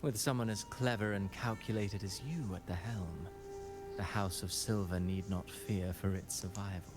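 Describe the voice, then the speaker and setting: A man's voice: low-pitched, moderate pace, natural voice. Man acting a scheming male conspirator, suave, cold, theatrical, courtly, video game drama, music underneath. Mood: smooth, sinister. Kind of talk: scripted video game dialogue.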